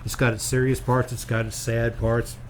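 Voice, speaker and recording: A man's voice: mid-range voice, flat delivery, normal speed, slight background noise. A middle-aged man hosting a casual theater review chat, folksy and repetitive as he talks. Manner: chatty, repeats himself, folksy.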